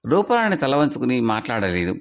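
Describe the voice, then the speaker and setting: A man's voice: medium pitch, a little fast. A man telling a folk tale for children, bringing the dialogue to life as he reads. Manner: lively expressive telling with acted dialogue. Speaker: storyteller. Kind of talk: storytelling for children.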